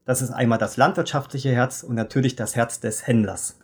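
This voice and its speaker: A man in his fifties, a fertilizer sales expert, explaining market history in measured detail in a podcast interview. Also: mid-range voice, fairly even intonation, slightly rough. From Germany. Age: 50s.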